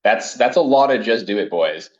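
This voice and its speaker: A man's voice: fairly low pitch, lively intonation, normal speed. Man joking around over a muffled phone line. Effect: talking over the phone. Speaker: podcast co-host. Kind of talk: casual comedic banter.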